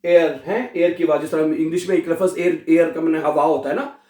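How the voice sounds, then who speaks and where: A man's voice: fairly high pitch, fairly even intonation, dark tone, roomy sound. A man teaching a language lesson, drawing out words and checking in again and again. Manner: drawn-out repetition, checks in with "theek hai?" constantly. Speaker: German teacher.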